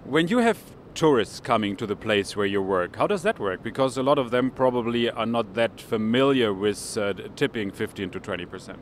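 Brief: man, 40s, German accent, street reporter with a handheld mic, halting English, faint street noise behind. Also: lowish voice, expressive. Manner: hesitant, many ums and uhs in English. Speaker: finance correspondent and interviewer. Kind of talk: street interview, report to camera. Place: outdoors on a city street. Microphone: handheld microphone.

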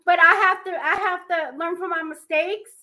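A woman's voice: very high-pitched, steady tone, moderate pace, bright, forceful tone, a little hiss or hum. A woman ranting angrily on a livestream, swearing freely. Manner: angry, swearing. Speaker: streamer in a played clip. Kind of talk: angry livestream rant.

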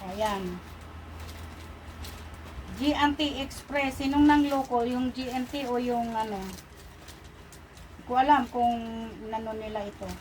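A Filipino woman with a high-pitched voice talks casually to her online viewers in an unboxing style. Her speech is that of someone missing front teeth. Some background noise sits behind her voice. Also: takes it slowly, long pauses, darkish tone, rough recording. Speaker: online vlogger.

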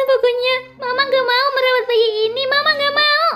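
A woman voicing a shrill, dramatic young mom. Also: lively intonation, a little slow, a bit bright, full character voice. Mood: tearful, accusing. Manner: dramatic, sobbing accusations. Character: emotional young mother, quick to jealousy. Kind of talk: game role-play storytelling.

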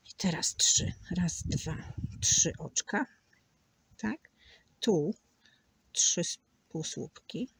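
A woman's voice: lowish voice, lively intonation, drawn-out words, vocal fry, long pauses, fairly bright tone, breathy edge, no room sound. A woman teaching a crochet tutorial, patiently counting stitches aloud and sometimes dropping to a near whisper. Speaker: crochet instructor.

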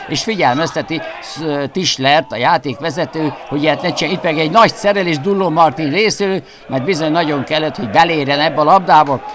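A man commentates football highlights. His delivery is excited sports commentary, following each pass and lifting sharply when a chance comes. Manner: excited, rising into shouts at chances. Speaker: football commentator for the visiting team.

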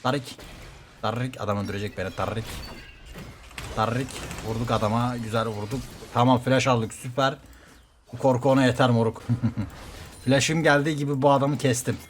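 A man streaming a game, talking fast to viewers and teammates, swearing casually and getting excited by turns. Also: mid-range voice, a little hiss or hum. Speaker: gaming streamer. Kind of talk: live gameplay commentary.

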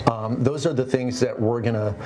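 A middle-aged man, a family doctor, guesting on a TV studio segment and explaining calmly with many "you know"s, on a lapel mic. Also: mid-range voice, moderate pace, a loud crowd. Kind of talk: TV guest interview. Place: TV studio set.

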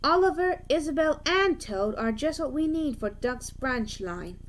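Woman doing the kindly railway boss guy from a storybook, calm, approving, slow and high. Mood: pleased.

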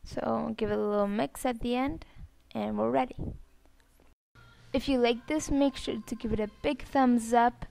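A woman's voice: a little high, steady tone, normal speed, gravelly, warm tone. A woman narrating a recipe step by step as a cooking host. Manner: plain step-by-step instructing.

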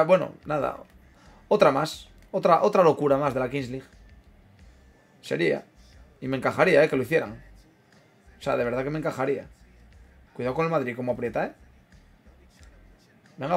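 A man with an Asturian Spanish accent casually commentating his football video game. He swears freely, repeats himself and reacts loudly to every play. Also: medium pitch, gravelly, slightly rough. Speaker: gaming streamer.

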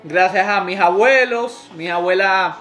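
A young man with a Dominican accent and a bright, forward tone chats easily to camera in his kitchen. He jokes and slips English words into his Spanish, heard through the camera mic across the counter. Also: high-pitched, unhurried, soft background music. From Dominican Republic. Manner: easygoing and joking, mixing in English words. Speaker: vlogger, channel co-host. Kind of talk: casual chat. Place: home kitchen, indoors.

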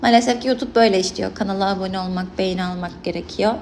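A woman's voice: medium pitch, fairly even intonation, rapid-fire, darkish tone, slight background noise. A young woman streaming a mobile game, chatting casually and exclaiming and laughing at the action. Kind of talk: casual gameplay commentary.

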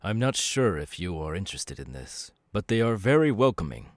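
In this ASMR roleplay monologue, a man plays a demon warrior with a low, knowing voice that stays calmly menacing. He speaks in halting, dramatic bursts, and the recording is dry without any echo.

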